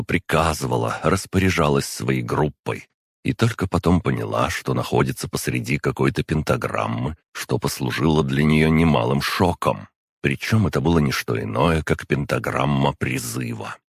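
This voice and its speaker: A man narrating a first-person fantasy audiobook in a measured, even storytelling manner. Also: rumbling low, vocal fry, breathy edge, no echo, studio quality.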